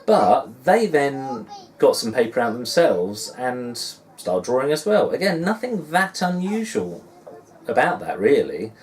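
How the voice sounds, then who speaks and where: A man in his forties with a Suffolk accent talks casually to his viewers, musing and rambling with a self-deprecating touch. His voice sits at a middling pitch. He is recorded some way from the microphone, with faint noise behind him. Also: big pitch swings, a little slow. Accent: Suffolk English. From Suffolk, England. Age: 40s. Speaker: dad blogger and vlogger. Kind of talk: casual rambling vlog chat. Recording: distant mic with faint background noise.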